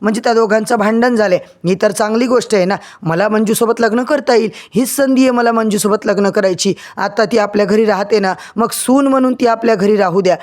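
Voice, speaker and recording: A man's voice: high-pitched, fairly quick, few pauses, close to an everyday voice. A man voicing an angry young heir in a serial recap, indignant and demanding answers. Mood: scheming. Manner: indignant, shouting complaints.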